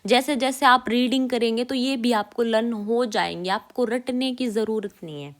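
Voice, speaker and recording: A woman, teaching a casual lesson and repeating each sound slowly and clearly for learners. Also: a little high. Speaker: German teacher.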